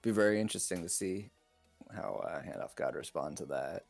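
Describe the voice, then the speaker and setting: A very deep-voiced man breaking down an esports match as co-commentator, relaxed and analytical. His voice is gravelly, with faint music playing under it. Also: fairly quick. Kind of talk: live game commentary and analysis.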